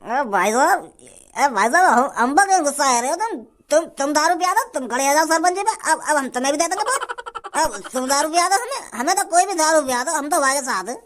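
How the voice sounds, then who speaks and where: A woman's voice: high voice, lively intonation, fast talker. A woman voicing a fickle older male villager in a cartoon, who talks in a rustic, stammering, pleading way. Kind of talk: cartoon voice acting.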